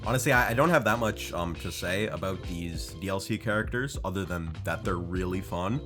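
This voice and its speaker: A man's voice: low voice, a little fast, over music. A young man hosting a casual game review, rambling and self-mocking with lots of fillers. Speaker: host.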